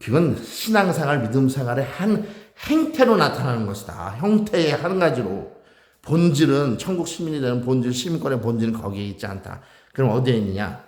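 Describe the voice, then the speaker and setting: A man's voice: mid-range voice, animated, a little fast. Fiery preaching man in an echoey hall. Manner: fiery, shouting rebukes and acting out quoted voices. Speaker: pastor. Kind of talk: sermon.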